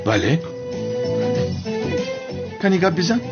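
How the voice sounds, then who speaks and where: A man's voice: fairly high pitch, big pitch swings. A man voicing a flustered helper in a dubbed TV drama, coaxing and fussing. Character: flustered man fussing over a fainted girl. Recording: dull dubbed TV audio with loud music.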